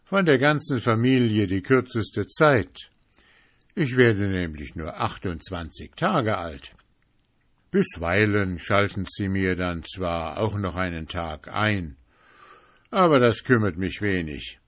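A man voicing a jolly, loud carnival prince who shouts with glee, in a storybook reading. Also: on the low side, lively intonation, takes it slowly. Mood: exuberant. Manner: exuberant, shouting.

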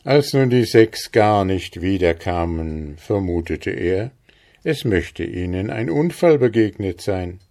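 A man reads a fairy tale aloud with a low voice and an unhurried pace. His delivery is calm and measured, a steady storyteller walking through the tale. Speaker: narrator.

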